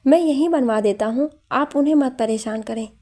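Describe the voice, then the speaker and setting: A woman voicing Rishi, an adult man who is a tender, loving father and husband, speaking softly and slowly in a storybook narration. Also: sits high.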